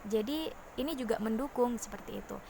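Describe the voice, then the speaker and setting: A woman's voice: a little high, fairly quick, creaky, noisy background. Woman teacher explaining a lesson. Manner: explains step by step, ends points with "seperti itu". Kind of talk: classroom lesson to students.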